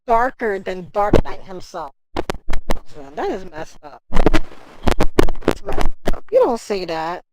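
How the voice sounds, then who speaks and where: A woman's voice: mid-range voice, measured pace, heavy background noise. A woman livestreaming from home, ranting in casual talk, swearing and speaking straight to her chat. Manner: animated, profane ranting.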